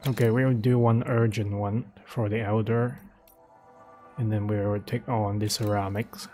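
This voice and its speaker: A man's voice: on the low side, level tone, unhurried, warm tone, faint music behind. A man streaming a video game, talking himself through his choices in a casual, thinking-aloud commentary.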